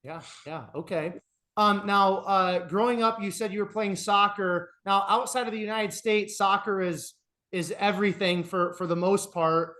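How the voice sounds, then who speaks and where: A man's voice: high-pitched, fairly even intonation, moderate pace, pushed and bright. A man hosting a podcast interview, asking questions in a friendly way with many "uh"s and repeated words. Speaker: podcast host.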